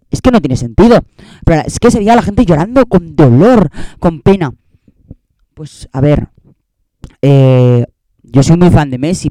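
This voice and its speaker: A man's voice: sits high, dark tone, dry recording. A young man with a Spain Spanish accent, hosting a casual, rambling, sarcastic year-end monologue that keeps repeating itself. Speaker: host.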